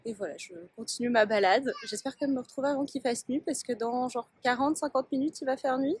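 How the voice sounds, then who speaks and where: A woman's voice: sits high, a little fast, husky, dry recording. A young woman from France chatting casually to camera as she walks around outdoors, laughing at herself as she goes. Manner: chatty, self-mocking, laughs easily. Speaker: travel vlogger. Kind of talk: casual vlog commentary. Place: outdoors in town streets, on a boat.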